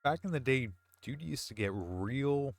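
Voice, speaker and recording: A man's voice: medium pitch, lively intonation, measured pace, creaky, no echo. A man streaming a game, chatting casually with viewers in a rambling, self-correcting way. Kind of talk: casual chat while gaming.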